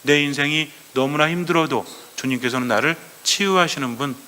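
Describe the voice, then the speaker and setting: Animated preaching priest in a reverberant hall. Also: male voice, a little high, a little fast, a little hiss or hum. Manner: animated, asks the congregation questions and acts out Gospel voices. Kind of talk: sermon.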